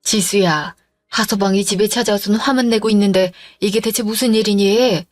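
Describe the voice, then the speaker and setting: A woman's voice: mid-range voice, steady tone, moderate pace, soft background music, natural voice. A woman voicing a worried middle-aged mother who questions her daughter over the phone, in a dramatized story. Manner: anxious, questioning.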